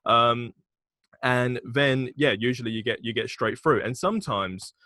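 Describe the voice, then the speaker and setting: A podcast guest who runs an agency talks candidly and casually about marketing, now and then laughing or swearing. His mid-range voice is bright and forceful, a little slow, and the recording is dry.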